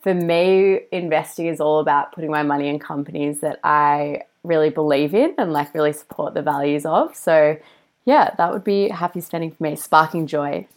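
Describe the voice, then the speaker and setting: A woman's voice: deep voice, normal speed. A woman hosting a podcast, reading upbeat introductions and chatting casually. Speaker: podcast host.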